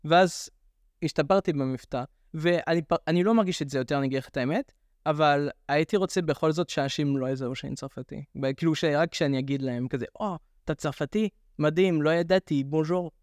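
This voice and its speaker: Male podcast guest, young, French accent, casual talk; slightly high, clean resonant voice. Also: no echo, clean studio sound. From French immigrant raised in Netanya, Israel. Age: young adult. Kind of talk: casual chat.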